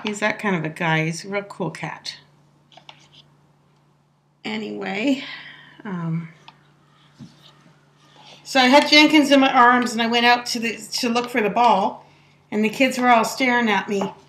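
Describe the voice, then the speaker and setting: A woman's voice: fairly high pitch, a little slow, long pauses, a bit bright. A woman telling a funny story in a casual, chatty voice-over, laughing often as she talks. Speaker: soap maker telling a story.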